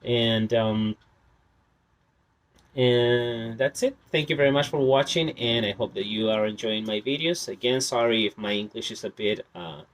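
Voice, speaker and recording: A young Spanish-speaking man hosts a casual vlog about his game collection, talking hesitantly with lots of fillers. His voice is medium-pitched and a little slow.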